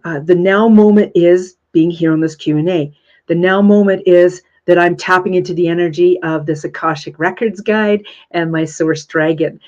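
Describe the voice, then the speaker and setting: A woman's voice: fairly low pitch, a little mellow, muffled recording. A woman in her thirties hosting a live spiritual question-and-answer session, talking earnestly and effusively and repeating phrases for emphasis. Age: 30s. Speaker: spiritual Q&A host.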